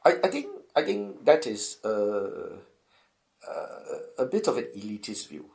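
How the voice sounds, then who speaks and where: A man's voice: lowish voice, sing-song, unhurried, darkish tone. A middle-aged Singaporean man, a university lecturer, answering interview questions thoughtfully, with frequent restarts and a habit of asking "right?". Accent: Singaporean English.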